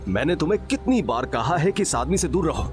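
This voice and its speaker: Dub role: a confrontational, protective young man, animated. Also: a little high, brisk, over music. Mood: angry. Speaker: dubbing actor. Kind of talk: Urdu dub of a TV drama.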